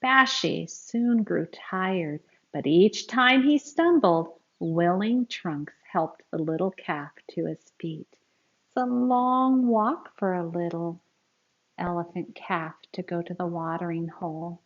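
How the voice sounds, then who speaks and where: Reading a children's picture book aloud, a woman with a slightly low voice takes an unhurried pace. She is expressive and teacherly, turning aside to speak directly to her young listeners. The audio is a little dull and lo-fi.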